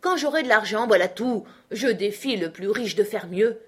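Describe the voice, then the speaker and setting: Un oncle d'âge mûr, ironique et vif, qui s'exclame et se moque de ses propres malheurs, joué par une femme qui lit un roman. Voix de hauteur moyenne pour une femme, dans un livre audio lu. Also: female voice, medium pitch, animated, moderate pace, husky, pitched above the performer's own voice. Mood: exasperated. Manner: exclaiming, ironic. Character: excitable, principled middle-aged uncle, a man.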